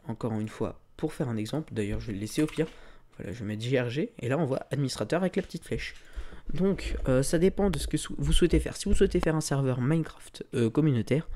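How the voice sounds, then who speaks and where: Guy walking thru a tutorial, mellow voice, lots of euh, keyboard clacking behind. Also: mid-range voice, a little hiss or hum. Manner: relaxed, talks through clicks with many fillers. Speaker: tutorial creator. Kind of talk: casual screen-recorded tutorial.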